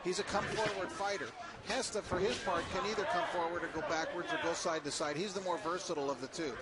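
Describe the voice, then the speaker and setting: A man's voice: high-pitched, fairly even intonation, fast talker. A man giving live analytical commentary as a boxing analyst at ringside. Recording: loud crowd and arena noise.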